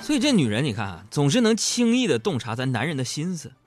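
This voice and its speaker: A man doing a stand-up comedy monologue. He talks to the audience in an animated, mock-indignant way. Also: a little high, fast, over loud music.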